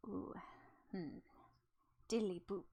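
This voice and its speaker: A woman's voice: mid-range voice, takes it slowly, very noisy. A young woman hosting a casual gaming chat, swearing, laughing and mimicking game sounds with her voice. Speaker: streamer host.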